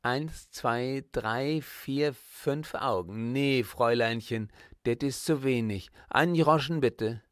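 A man's voice: medium pitch, slow pace, no echo, clean studio sound, natural voice. A man voicing a brusque fairground stall woman with a Berlin accent, in a storybook reading. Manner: loud, brusque, scolding.

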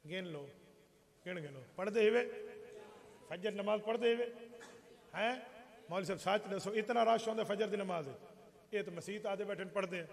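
A man's voice: sits high, a bit bright. A man preaching a sermon in a mosque. He talks emphatically and keeps firing rhetorical questions at the congregation. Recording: long reverb of a large prayer hall.

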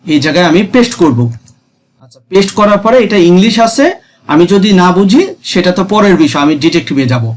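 A man talks through a screen tutorial in a chatty, repetitive way, checking in with his viewers. His voice sits high for a man. Faint background noise hums under the recording. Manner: chatty, repeats himself, asks viewers "ঠিক আছে?". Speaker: freelancing tutor.

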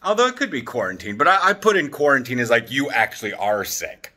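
A vlogger in his thirties rambles casually with jokey asides, his medium-pitched voice sing-song, quick, pushed and bright. He's filming on a handheld camera at arm's length in his apartment's living room and open kitchen.

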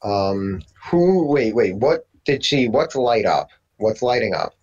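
A man's voice: on the low side, animated, takes it slowly, a little mellow, husky. Eager young man on a dull mic. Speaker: player. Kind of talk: casual tabletop play.

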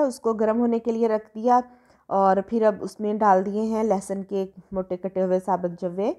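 Lady doing a recipe voiceover, soft warm tone, walks thru each step, chatty n polite. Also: mid-range voice. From Pakistan. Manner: chatty step-by-step explaining, polite address to viewers. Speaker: cooking channel host. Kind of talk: recipe voice-over.

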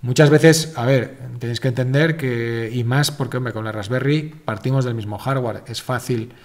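A man's voice: mid-range voice, steady tone, moderate pace. A man hosting a casual live stream, answering viewer questions in a rambling, self-correcting, informal way.

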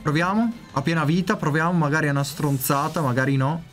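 A man commentating his own video game play in casual speech, excitable, swearing often and yelping in sudden outbursts. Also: a little high, fast, faint music behind.

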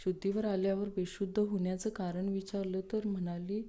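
Woman reading jokes; very dark, mellow tone, plain brisk delivery with small slips. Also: mid-range voice, little pitch movement. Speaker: joke reader.

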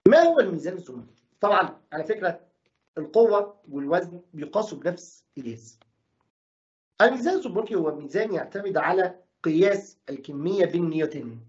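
A brisk male teacher with an Egyptian Arabic accent races through a physics lesson. He fires questions at his students and answers them himself, even voicing their objections. The recording sounds dull and lo-fi. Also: high-pitched.

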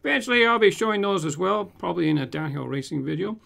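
A high-pitched, fast voice with vocal fry belongs to a Southern California man in his fifties who hosts a toy car collector channel. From a home room with shelves of toy cars, he animatedly and casually answers viewer comments, gesturing and showing toy cars, into a large condenser mic on his desk.

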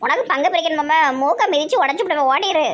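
A woman playing a bossy, quick-tempered village elder sister in a comedy skit, with a Tirunelveli Tamil accent and blunt, threatening banter. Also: sits high, lively intonation.

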